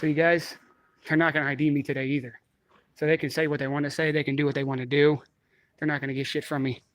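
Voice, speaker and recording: Fast-talking, blunt, insistent video maker. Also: mid-range voice, level tone, no room sound. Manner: blunt, repetitive, insistent, swearing. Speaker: video maker filming in a building lobby. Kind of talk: confrontational argument and commentary to camera. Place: indoors, building lobby.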